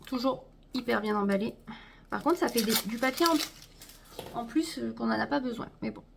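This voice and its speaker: A woman's voice: a little high, normal speed, vocal fry, noisy background. A woman chatting casually to her viewers as she unboxes a makeup haul, talking to them directly and trailing off with fillers. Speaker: beauty vlogger.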